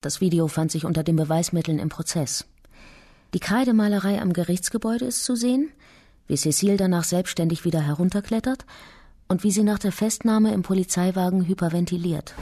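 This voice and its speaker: Dark, husky woman narrating. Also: fairly low pitch, a little fast. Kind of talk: scripted documentary narration.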